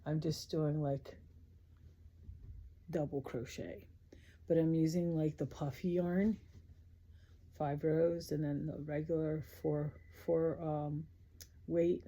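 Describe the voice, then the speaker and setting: A woman's voice: low voice, steady tone, slow pace, pauses often, dark tone. A middle-aged woman chatting casually at home late at night as she crochets, rambling and blunt and swearing freely. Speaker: crafting vlogger.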